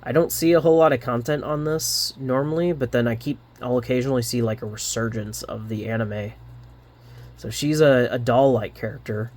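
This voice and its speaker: A man rambling through a card unboxing, halting often with fillers and restarts, a little winded. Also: medium pitch, fairly even intonation, a little mellow. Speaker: card unboxing channel host. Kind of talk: casual unboxing commentary.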